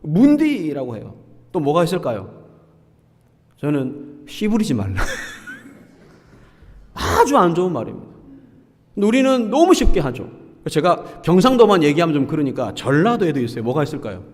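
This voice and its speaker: Male pastor, animated sermon delivery, questions the congregation, slightly high voice, long reverb of a church sanctuary. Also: normal speed, pauses often. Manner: lively, asks the congregation questions and acts out quoted insults.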